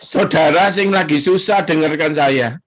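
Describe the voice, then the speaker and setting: A man, a pastor giving an emotional sermon testimony at a church prayer service, speaking slowly with long pauses. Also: on the high side. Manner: slow, emotional storytelling with drawn-out pauses.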